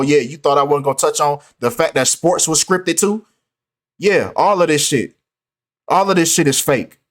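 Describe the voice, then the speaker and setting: Fired-up guy with a higher voice, keeps pressing "right?" at you. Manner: animated, insistent, repeats "right?" and "come on, man". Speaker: commentator. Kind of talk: casual commentary video.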